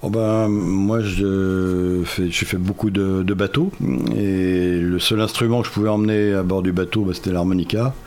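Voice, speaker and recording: Man, very low voice, singer guest, hesitant casual talk. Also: fairly even intonation, normal speed, few pauses, a little mellow. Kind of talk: radio interview.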